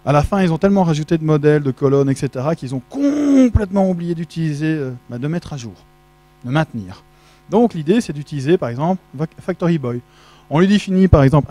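Speaking French at a casual tech conference, a middle-aged man uses a handheld microphone in a large dark auditorium with a projection screen. He's talkative and playful, often asking the audience questions. The recording is dry, and his slightly high voice has a warm tone.

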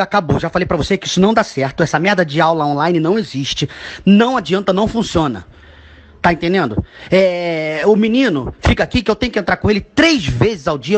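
A man's voice: high-pitched, slight background noise. A man dubbing a fed-up ranting dad. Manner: ranting, crude, keeps asking "you understand?". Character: fed-up middle-aged father ranting, crude, exasperated. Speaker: comedy voice dubber. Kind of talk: comedic dub of a voice message.

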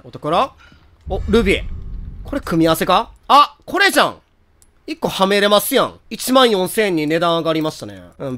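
Excitable Kansai man with a bright voice. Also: high voice. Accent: Kansai Japanese. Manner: excitable, loud outbursts and joking asides. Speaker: gameplay commentator. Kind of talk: casual game commentary.

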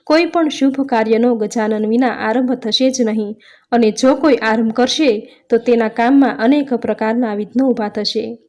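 A stern, commanding male god, wrathful and reproachful, as a woman reading the tale puts him on. The voice sits rather high and stays close to the storyteller's own plain delivery. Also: moderate pace, darkish tone, natural voice. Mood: solemn.

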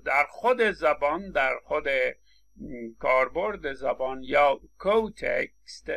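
A man's voice: on the high side, expressive, gravelly, a bit bright. A man giving a recorded lecture, explaining with examples, acting out short quotes and often stammering on restarts. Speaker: linguistics lecturer.

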